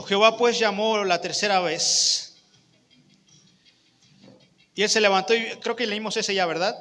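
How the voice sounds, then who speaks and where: A man's voice: high voice, sharp tone. A man preaching a sermon with a Mexican accent, conversational, often putting questions to the congregation, with long church hall reverb. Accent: Mexican Spanish.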